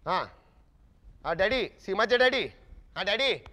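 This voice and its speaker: An actor playing a bumbling, boastful fake police inspector in a stage comedy, blustering and repeating himself excitedly. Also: male voice, sits high, slow, in a large hall, heavily acted. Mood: phone bluster.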